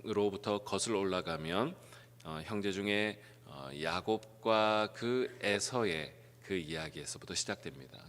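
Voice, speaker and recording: A middle-aged male pastor preaching an early-morning sermon, filling pauses with "eo" and letting his phrases rise and then drop. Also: on the low side, fairly bright tone. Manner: frequent "eo" fillers, rising then dropping phrases. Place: church sanctuary. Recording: church hall reverb.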